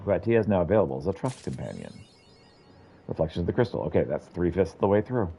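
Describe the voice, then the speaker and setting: Deep, gravelly man narrating a game playthrough. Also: big pitch swings, fast, dark tone, soft background music. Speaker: game streamer reading and commenting. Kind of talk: casual playthrough narration and character read-aloud.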